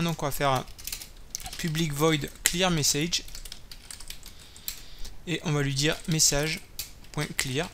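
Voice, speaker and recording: A man's voice: fairly high pitch, noisy background. A man hosting a coding tutorial, thinking aloud while typing, with many fillers and self-corrections. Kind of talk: screen-recorded coding tutorial. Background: keyboard typing and clicks.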